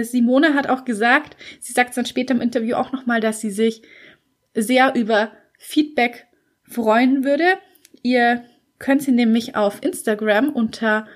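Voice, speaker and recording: Enthusiastic woman hosting a podcast. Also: a little high. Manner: enthusiastic, gushing, with fillers. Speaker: podcast host and author. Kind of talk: casual podcast intro monologue.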